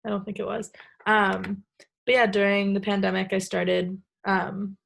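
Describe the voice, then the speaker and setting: A woman's voice: medium pitch, flat delivery, a little slow, creaky. A woman in her twenties from the United States introducing herself on a video call, hesitant and full of filler words. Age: 20s. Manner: hesitant, lots of ums and likes. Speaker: artist speaker. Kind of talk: casual self-introduction.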